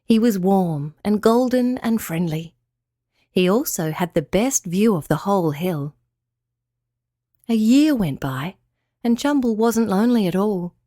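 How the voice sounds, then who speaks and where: A woman narrating a children's audio story in an expressive, storytelling way. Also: medium pitch, no echo, clean studio sound.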